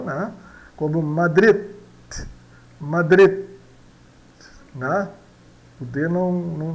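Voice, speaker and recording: A man's voice: high-pitched, creaky. A man giving a recorded pronunciation lesson, patiently repeating each example word several times and checking in often with tag questions. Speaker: language teacher.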